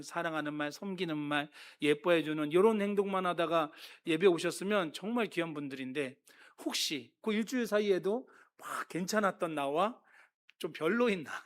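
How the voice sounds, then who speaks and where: A man in his fifties, a pastor giving a sermon, telling personal stories in a conversational, self-deprecating way. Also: on the high side.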